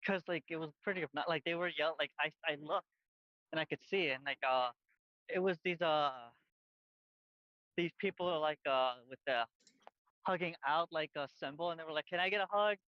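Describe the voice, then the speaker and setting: A man with a noticeably high voice chats casually as a podcast co-host. He rambles, piles up fillers and restarts his sentences. The sound is dry, dull and lo-fi. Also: moderate pace, long pauses, no room sound. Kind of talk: casual chat. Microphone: headphones on, outdoors by a busy street.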